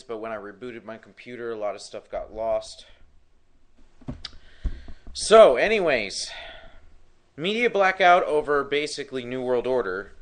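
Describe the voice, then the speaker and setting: A podcast host with a smooth, mid-range voice runs a live talk show despite having partly lost his voice. He rambles, with many fillers and restarts.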